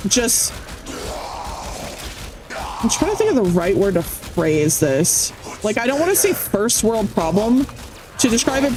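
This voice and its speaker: A talkative streamer gabbing casually during a game, quick to sound incredulous and to laugh. The voice sits at a middling pitch and carries a constant hiss of background noise from the desk mic. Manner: chatty, incredulous, laughs often. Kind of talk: casual chat while gaming.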